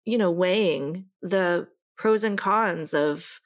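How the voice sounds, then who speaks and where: A woman's voice: fairly low pitch, slow. Reflective woman co-host, thinking aloud. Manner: reflective, hesitant, many fillers like "you know" and "um". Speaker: podcast co-host. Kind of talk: casual chat.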